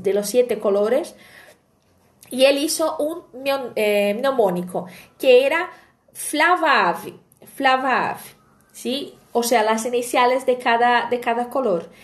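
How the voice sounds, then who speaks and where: High-voiced woman teaching casually. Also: a little mellow. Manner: chatty, explaining with anecdotes and frequent "¿bien?". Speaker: language teacher. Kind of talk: online language lesson.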